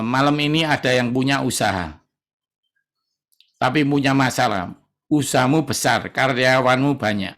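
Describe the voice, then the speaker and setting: A man's voice: medium pitch, gravelly. A middle-aged male pastor, preaching a sermon in a church and acting out both sides of conversations. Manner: lively storytelling, acting out both sides of dialogues.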